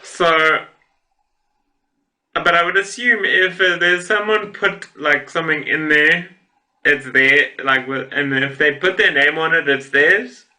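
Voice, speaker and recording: Fairly high in pitch, bright and forceful, the man's voice moves slowly. He reads posts aloud for a reaction video, commenting in a relaxed, meandering style and laughing to himself, with plenty of fillers and self-corrections.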